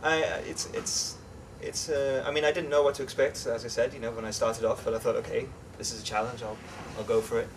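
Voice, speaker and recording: A young man chats easily as an interview guest, with plenty of fillers and restarts. He sits some way from the mic. Steady background noise runs under his voice. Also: medium pitch, fairly quick, few pauses, distant mic. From England, raised in the Netherlands. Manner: relaxed, chatty, many fillers and restarts. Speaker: interview guest, English teacher. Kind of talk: casual interview chat.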